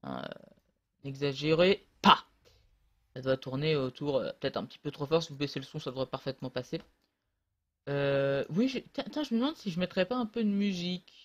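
Man gamer, slightly high voice, rambling casual commentary with lots of fillers, close mic. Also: lively intonation, fairly quick, a bit bright, dull audio. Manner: rambling, hesitant, many fillers and restarts. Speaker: gamer commentating his own match. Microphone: close desk mic.

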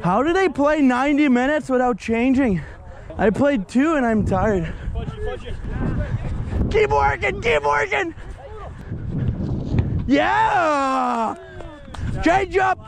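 A young man with a Québécois French accent giving joking, excitable commentary while playing soccer, out of breath. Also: very high-pitched, takes it slowly, creaky, pauses often, a crowd in the background. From Quebec, Canada. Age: young adult. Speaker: hockey player. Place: outdoor field. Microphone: body-worn action camera.

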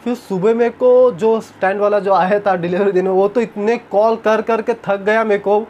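A man's voice: high-pitched, fairly even intonation, moderate pace, darkish tone. A young man, chatting casually in a home vlog and retelling a story with animation. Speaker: vlogger. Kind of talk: casual chat. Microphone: camera on tripod.

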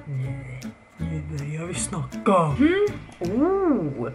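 Chatty young woman gaming with swears. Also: low voice. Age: young adult. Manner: chatty and excitable, swears often, reads game text aloud. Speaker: gaming video creator. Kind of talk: casual let's-play commentary. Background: background music.

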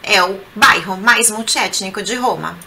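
A Brazilian woman teaching Italian pronunciation, slowly repeating words and coaxing the listener to say them aloud. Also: mid-range voice, gravelly, bright, forceful tone, slight background noise. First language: Portuguese. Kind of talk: language lesson.

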